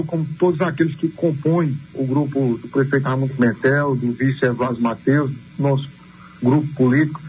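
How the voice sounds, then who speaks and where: Politician on a phone line. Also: male voice, mid-range voice, a little hiss or hum. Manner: formal political talk, many hesitations. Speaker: city council president. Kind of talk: phone interview on radio.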